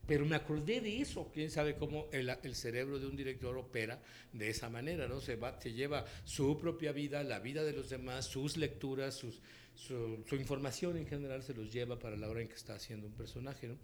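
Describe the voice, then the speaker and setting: Mexican male voice actor, animated raconteur, slangy, mid pitch, faint hiss. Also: fairly quick. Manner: animated storyteller, acts out quotes, laughs often. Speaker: voice actor and dubbing director. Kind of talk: relaxed interview storytelling.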